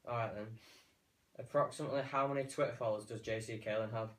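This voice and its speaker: A man's voice: fairly low pitch, steady tone, fast talker, far from the mic. A British teenage man chatting casually through a quiz on a sofa indoors. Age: teens. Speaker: challenge participant. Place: living room sofa, indoors. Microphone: camera a short distance away.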